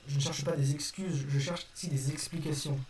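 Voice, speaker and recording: His voice is a little high and darkish, steady in tone and a little fast, as this young man explains something casually to his viewers. He comes across as hesitant and apologetic, correcting himself without a script. The audio is roomy and distant, with faint noise.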